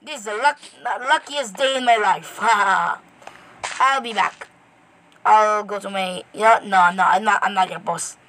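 A woman giving rambling, excitable commentary to viewers while playing a game. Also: medium pitch, moderate pace, poor audio. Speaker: gameplay commentator. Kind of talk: casual gameplay commentary.

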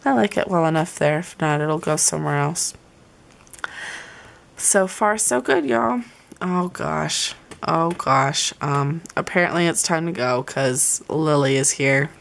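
A woman's voice: deep voice, expressive, a little slow, gravelly. A young woman gushing over her planner supplies in a casual vlog. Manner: chatty, gushing, says "y'all". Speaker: planner vlogger. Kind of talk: casual show-and-tell vlog.

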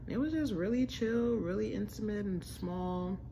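A young woman vlogging about food chats informally to camera in an American accent, her restaurant review loose and slangy. She has a warm, medium-pitched voice and a moderate pace. There's a slight hiss or hum, and the setting is a home room with a staircase.

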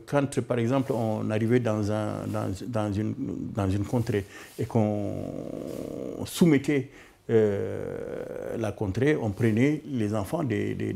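A man in his seventies giving a halting, hesitant testimony in a living room, often repeating words. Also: lowish voice, gravelly, dark tone. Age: 70s. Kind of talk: testimony interview.

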